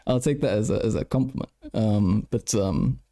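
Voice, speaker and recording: A man's voice: fairly low pitch, normal speed, creaky, dark tone. Tired, stuttering man on a livestream. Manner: stuttering, repeating words; casual, sweary. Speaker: live streamer. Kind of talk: casual late-night livestream chat, answering chat messages.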